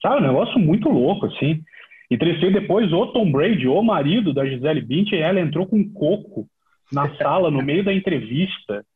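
A middle-aged Brazilian man tells his stories in an easy, rambling way, with plenty of fillers. His voice sits a little high and sounds husky. It comes through a thin, phone-like line. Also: fairly quick. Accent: Brazilian Portuguese. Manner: relaxed, chatty, many fillers. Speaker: guest, TV sports reporter. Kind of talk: casual podcast storytelling.

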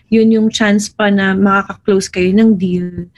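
A woman guest in a casual chat, soft-spoken and gentle, mixing Filipino and English. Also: mid-range voice, fairly even intonation, a little slow.

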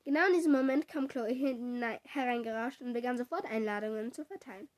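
A woman slowly reading a children's storybook aloud, correcting small slips as she goes. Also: fairly high pitch. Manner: slow, deliberate reading with small self-corrections.

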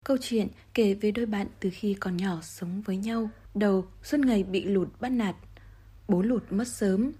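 A woman presenting a podcast, reading a scripted introduction in a calm, even manner. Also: medium pitch, moderate pace, husky.

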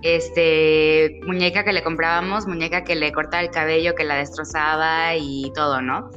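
A woman's voice: sits low, fairly even intonation, moderate pace, a bit bright, highs cut off, faint music behind. A woman talking earnestly, retelling conversations to explain her point. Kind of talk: casual chat.

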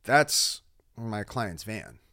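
Born in the Philippines and raised between Guam and California, this man in his thirties appears as a podcast guest, spinning animated, slangy stories full of quoted asides. He talks very slowly in a fairly low voice, recorded with studio quality and no room sound.

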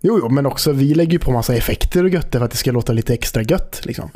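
A man's voice: medium pitch, mellow. A man co-hosting a podcast, chatty and swearing freely in casual talk. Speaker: podcast co-host. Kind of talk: casual chat.

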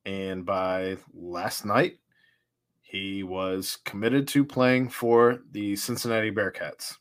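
A man's voice: lowish voice, steady tone, slow pace. A man hosting a casual sports podcast, running down college football news and steering the chat. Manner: steers the talk, rundown of college football news, laughs easily. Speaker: podcast host.

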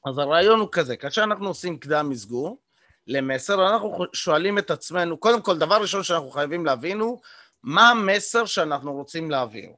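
Higher-pitched man coaching a live group. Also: expressive, pushed and bright, no echo, studio quality. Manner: explanatory, checks in often with the audience; frequent hesitation fillers. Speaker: communication coach leading a workshop.

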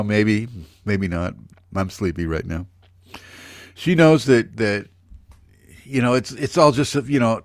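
A man's voice: medium pitch, dry recording, clean studio sound. An older man giving a rambling, conversational spiritual teaching on a video call, talking to viewers by name. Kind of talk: live online spiritual teaching.

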